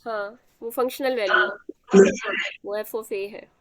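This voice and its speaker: A woman's voice: mid-range voice, fairly even intonation, slow, crowd noise. A young woman teaching a math class, explaining step by step and quizzing students as she goes. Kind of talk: live online math class.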